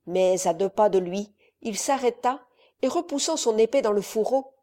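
Female audiobook narrator, measured and expressive, warm dark tone. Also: a little high.

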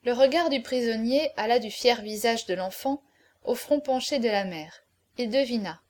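A woman narrates a classic novel in a fairly high voice. She drops quietly on the speech tags between the characters' lines. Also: moderate pace. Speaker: audiobook narrator.

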